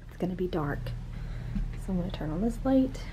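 Heavy background noise surrounds a young woman's brisk, expressive, low-leaning voice as she rambles chattily to her phone, held close in her home kitchen. Tired, she keeps up a casual vlog full of ums and likes.

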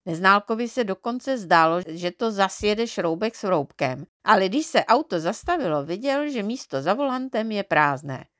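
A woman reading a children's storybook aloud in an expressive, measured way. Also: mid-range voice, no echo, clean studio sound. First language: Czech. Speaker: audiobook reader.

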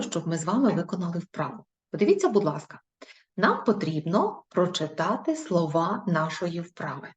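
A woman teacher giving a recorded video lesson to young children, praising them and reading words out slowly and clearly. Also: fairly low pitch, a little mellow, highs cut off. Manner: slow, clearly spoken dictation of syllables; encouraging, praising pupils.

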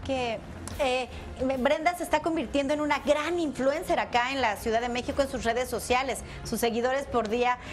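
High-voiced Mexican woman reporter. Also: moderate pace. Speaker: entertainment correspondent. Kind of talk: live TV entertainment report. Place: TV studio.

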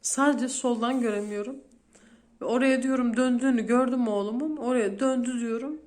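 A woman's voice: on the high side, moderate pace, a little mellow. A woman in her thirties, a vlogger speaking straight to her viewers as she retells a frightening day in detail. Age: 30s. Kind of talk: emotional storytelling to viewers.

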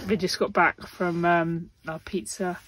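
A woman in her thirties chatting casually to a handheld phone camera inside a small camper van at night, self-mocking and quick to laugh. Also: on the low side, steady tone, a bit bright. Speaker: vlogger. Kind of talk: casual vlog chat. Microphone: handheld phone camera at arm's length.

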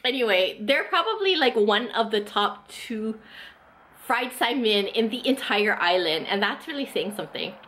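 Eating at a table in a small indoor room, a food vlogger in her thirties reviews what she's tasting with enthusiastic chatter and many casual fillers. Her fairly high, slightly bright voice is expressive, and she speaks at a normal speed.

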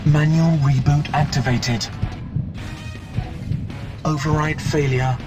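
Robotic suit computer. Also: male voice, on the high side, steady tone, slow, over loud music. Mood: flat. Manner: clipped system status announcements. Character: armored suit's robotic onboard computer, male, flat. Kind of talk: video game voice acting.

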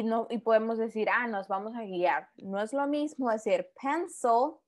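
Her voice fairly high in pitch, a woman leads an English grammar class, patiently walking through explanations. She says example words more than once and keeps asking whether the class is following.

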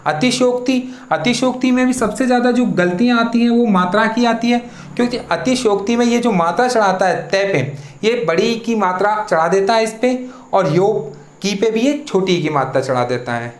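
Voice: mid-range voice, normal speed. Teacher, exam-prep spelling lesson, asks then answers, spells out syllables, echoey room. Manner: rhetorical questions, then the answer.

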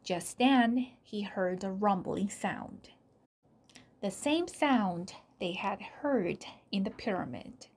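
A woman whose first language is Korean, reading a children's chapter book aloud in a soft, deliberate storytelling manner. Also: mid-range voice, expressive, slightly rough. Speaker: storybook reader.

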